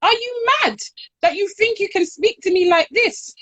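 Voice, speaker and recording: A woman voicing a proud, indignant woman who scolds a stranger in a loud, high, outraged voice. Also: lively intonation, normal speed, no echo.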